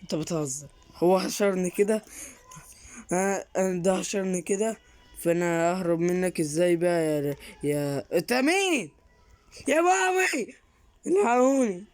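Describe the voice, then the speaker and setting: A man with an Egyptian accent, hosting a gaming channel and narrating a horror game, jumpy and quick to yelp and repeat words when startled. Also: high voice, fairly even intonation, dark tone, smooth, no echo. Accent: Egyptian Arabic.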